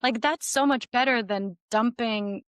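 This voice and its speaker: Animated middle-aged female relationship coach, podcast chat, dry close mic. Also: a little high, measured pace, smooth, no echo. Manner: animated, acts out quotes with lots of "like". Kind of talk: casual podcast interview.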